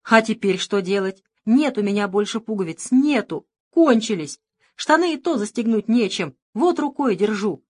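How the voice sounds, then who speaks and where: A woman's voice: medium pitch, lively intonation, brisk, hardly any pauses, lightly acted. Woman doing a spoiled whiny young man. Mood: whining. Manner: whining, shouting, petulant.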